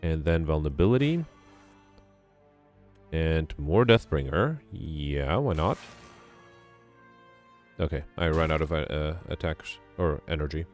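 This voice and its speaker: A man with a very deep voice talks through his moves in a casual gameplay chat, hesitating and filling pauses with ums. Faint game music plays behind him. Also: lively intonation, a little mellow. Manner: thinks aloud, hesitant, many ums. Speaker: streamer playing co-op.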